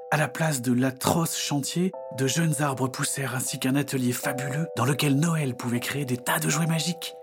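A man reading a storybook tale as narrator with steady, vivid telling. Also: mid-range voice.

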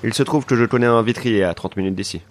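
A man narrating a comic detective story in a deadpan, mock-serious way. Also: mid-range voice, fast talker. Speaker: narrator and lead of a comedy podcast. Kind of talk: scripted comedic detective narration.

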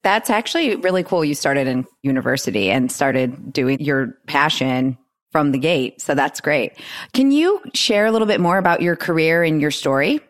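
A woman's voice: sits low, animated, normal speed. A woman hosting a podcast with upbeat, friendly, scripted-sounding introductions. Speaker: podcast host.

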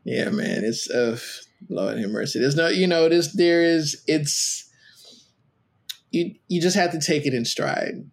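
A man's voice: fairly high pitch, measured pace, gravelly. A man talking casually on a podcast about parenting, rambling with many restarts and trailing off. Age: adult with a teenage son.

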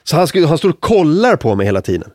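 A man, a comedian guest telling a long anecdote in casual chat, animated and mimicking other people's voices. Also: fairly high pitch, no echo, studio quality. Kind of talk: casual storytelling.

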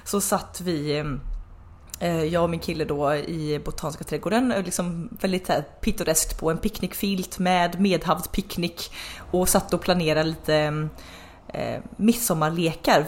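A woman in her thirties chats on a podcast with a slightly low voice. She tells stories in an animated way, often breaking into laughter. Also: slight background noise. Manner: chatty, animated storytelling with laughs. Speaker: podcast co-host. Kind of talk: casual chat.

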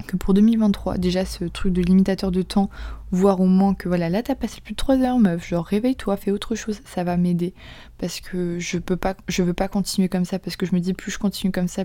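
A young woman hosting a podcast in a casual confessional monologue, chatty and slangy, often dropping into soft whispered asides. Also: lowish voice, no echo. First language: French. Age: young adult. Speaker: podcast host.

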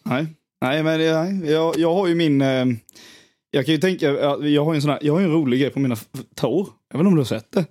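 A young Swedish man from Småland with a slightly high voice co-hosts a casual podcast. He rambles and hesitates, restarts his sentences and swears loosely. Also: a little mellow. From Småland, Sweden. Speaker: podcast co-host. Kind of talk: casual chat.

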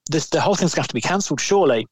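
A man's voice: on the high side, lively intonation, rapid-fire, husky, dry recording. A man, co-hosting a podcast and telling a long, rambling story in casual chat, swearing now and then. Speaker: podcast co-host.

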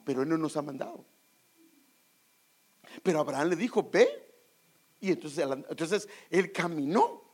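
A man preaching a sermon to his congregation, animated and emphatic, acting out quoted voices and calling them brothers. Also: fairly high pitch, moderate pace, long pauses. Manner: acts out quoted voices, rising to loud emphatic peaks. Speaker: pastor.

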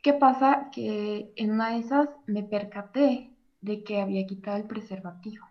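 A young Mexican woman confiding in an advice host, stopping and restarting as she searches for words. Her voice sits at an ordinary middle pitch. The recording sounds a little dull and lo-fi. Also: steady tone, normal speed. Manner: hesitant, many fillers and restarts. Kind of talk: personal confession to an advice host.

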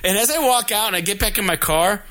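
Bright-voiced man telling a rant story. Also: high-pitched, fast talker. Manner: animated, profane, acts out other people's lines. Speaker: podcast co-host. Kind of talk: casual storytelling chat.

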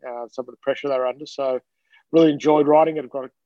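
A man's voice: medium pitch, fairly even intonation, fast talker, no room sound, muffled recording. A man with an Australian accent chatting casually as a podcast guest in an understated, conversational way. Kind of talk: casual chat.

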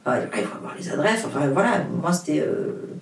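Speaking quickly in a deep voice with lively intonation, a Portuguese woman author chats as an interview guest. Portuguese is her first language, and the audio has a roomy, distant quality. She is earnest yet hesitant, stumbling through fillers and restarts.

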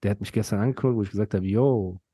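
A man's voice: lowish voice, fast talker, mellow, no room sound. A man hosting a podcast, telling stories and ranting casually in long, nonstop chatty runs full of slang. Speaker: podcast host.

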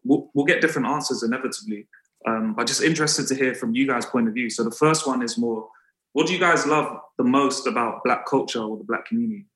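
A man's voice: medium pitch, a bit bright. A man with a London accent hosting a casual interview in informal, slangy language. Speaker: podcast host. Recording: echoey room.

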